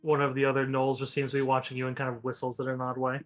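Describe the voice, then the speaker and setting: A man's voice: medium pitch, monotone, racing, soft background music. A man narrating a tabletop game as game master, explaining things at length and correcting himself as he goes. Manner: rambling, self-correcting explanations.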